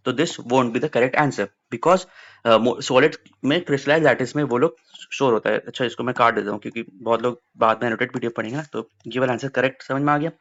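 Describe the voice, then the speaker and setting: A man's voice: mid-range voice, muffled recording. A young man teaching exam science questions, switching between Hindi and English and repeating key points for his students.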